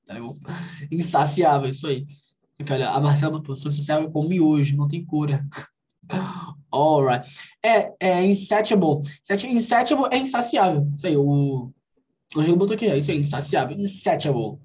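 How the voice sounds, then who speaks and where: Patient Brazilian teacher drilling English words. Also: male voice, fairly high pitch, expressive, darkish tone. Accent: Brazilian Portuguese. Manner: explains patiently, repeating English words slowly and asking "tá legal?". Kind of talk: online conversation class.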